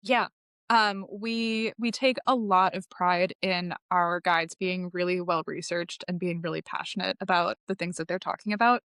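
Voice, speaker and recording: A woman's voice: fairly low pitch, steady tone, normal speed, fairly bright tone, smooth, no echo, studio quality. A woman guest on a podcast, explaining her tour company in long, enthusiastic, informative answers. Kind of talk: podcast interview.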